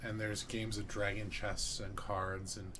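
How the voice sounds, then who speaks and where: A man's voice: on the low side, flat delivery, unhurried, pushed and bright, a little hiss or hum. A man narrating as game master of a tabletop role-playing game, describing scenes loosely with many fillers.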